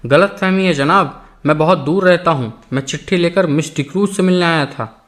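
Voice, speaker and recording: A man's voice: a little high, normal speed, voice pushed up, natural voice. A man voicing a brusque, hot-headed young man in an audiobook. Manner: brusque, firm.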